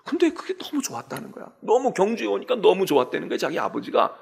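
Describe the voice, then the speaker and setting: A man's voice: high voice, huge pitch swings, fast talker, vocal fry, darkish tone, husky. A middle-aged man, a senior pastor, giving an early-morning Lent sermon in a chatty storytelling way and often checking in with the congregation. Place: church sanctuary.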